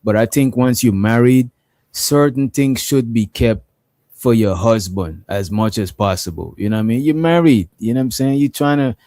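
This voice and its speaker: A man's voice: medium pitch, normal speed, dark tone, dry recording. A man and pastor co-hosting a casual podcast chat, talking bluntly in loose slang, full of profanity and "you know what I mean".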